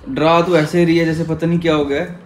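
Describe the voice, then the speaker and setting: A chatty young man runs his own casual vlog, teasing and speaking straight to his viewers. His voice sits high for a man. Faint background noise hums beneath the recording. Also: flat delivery, fast. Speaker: vlogger.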